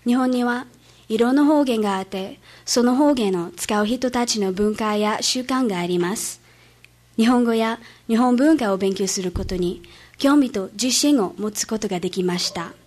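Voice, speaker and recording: Slightly high-voiced woman reciting a speech. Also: normal speed, a little mellow. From Hawaii. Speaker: student speaker.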